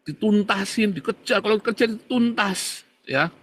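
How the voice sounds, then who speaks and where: A male pastor giving a casual, conversational sermon. He talks to the congregation directly and swings between loud bursts and quiet asides. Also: high-pitched, a little slow. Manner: animated, colloquial, addresses listeners as "saudara".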